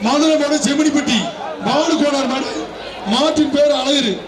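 A man announcing a live bull-taming event over a loudspeaker, with excited shouted calls and cheers. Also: extremely high pitch, moderate pace. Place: outdoor arena. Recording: echoey loudspeaker from far off, loud crowd.

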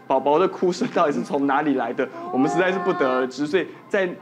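Fast-talking man telling a ghost story. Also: a little high. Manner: quotes people in dialogue while telling the story. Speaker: doctor guest. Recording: studio with music playing under it.

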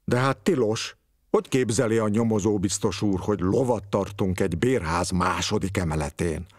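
A man's voice: on the low side, darkish tone, no room sound, studio quality, natural voice. A man voicing a playful father in a read-aloud story, protesting with mock innocence. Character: cheerful, playful father with a child.

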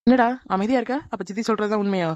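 A woman voicing a sharp-tongued, jealous young woman in a cartoon, scolding and sarcastic. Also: mid-range voice, steady tone, rapid-fire, dull audio, lightly acted. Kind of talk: animated cartoon dub.

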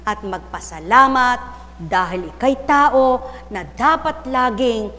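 A woman preaching as a spiritual medium to a live congregation, teasing and exhorting listeners, calling people out by name, breaking into laughter and loud exclamations. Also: fairly high pitch, lively intonation, slow, in a large hall.

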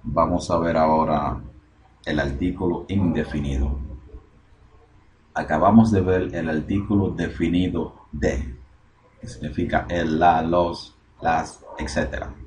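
A man's voice: rumbling low, steady tone, darkish tone, slight background noise. A man teaching English in a recorded lesson, explaining step by step and repeating phrases. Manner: slow, repetitive, explaining step by step.

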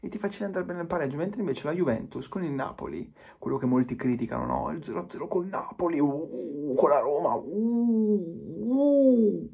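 Emphatic husky man ranting to fans. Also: on the high side, fast talker, few pauses, a little mellow. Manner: emphatic, repetitive, pleading with viewers. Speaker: football commentator. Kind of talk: impassioned fan monologue.

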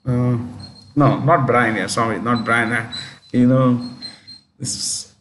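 A man with an Indian English accent teaches a current affairs lesson in a loose, chatty way, often stopping to correct himself and spell words out letter by letter. His voice sits at a middle pitch, and faint noise hums behind him. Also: steady tone, slow, a bit bright.

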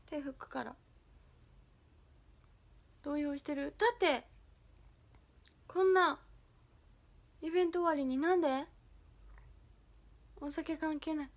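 A young idol hosts a livestream, giggling as she reads viewers' comments and chatting with them playfully and bashfully. She has a high voice with some vocal fry.

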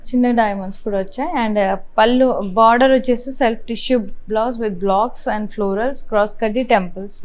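A woman's voice: on the high side, darkish tone, clean tone, rough recording. A woman with a Telugu accent presents products on a live shop sale, listing details item by item in short, clipped phrases.

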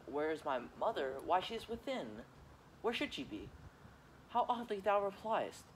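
A man's voice: high-pitched, very animated, moderate pace, a little hiss or hum, poor audio. A teenage boy playing an eager, impatient young girl in love in a school Shakespeare reading, pleading and restless. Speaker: student actor.

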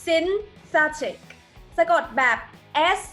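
A woman's voice: very high voice, expressive, extremely slow, faint music behind. A woman teaching English vocabulary on a show, spelling out words and explaining their pronunciation. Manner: bright, clear teacher's delivery, spells words out.

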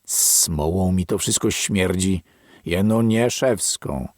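A man reading an audiobook, voicing a superstitious, wary old grandfather who grumbles and mutters slowly. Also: deep voice, darkish tone, dry recording, clean studio sound. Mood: suspicious.

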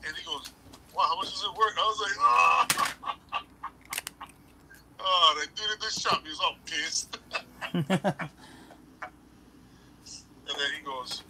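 A man's voice: on the high side, a little slow, long pauses, background noise. A man hosting a casual livestream chat, telling stories and laughing often. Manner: storytelling, laughs often, says bro, Hawaiian pidgin touches. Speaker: livestream host.

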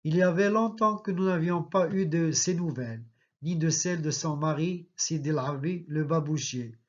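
Man, literature teacher, reads a novel aloud and explains it, slightly high voice, muffled recording. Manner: slow, deliberate, pausing to explain figures of speech. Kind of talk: reading a novel aloud with commentary.

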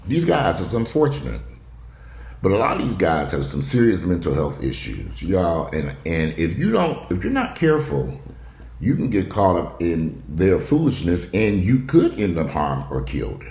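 A middle-aged man vlogs about the news from a bright sunroom at home, giving a blunt, casual, opinionated monologue that strays into asides and includes some swearing. His voice sits low, gravelly and a little mellow, with wildly swooping pitch at a moderate pace. The room sounds roomy and echoey, with faint noise.

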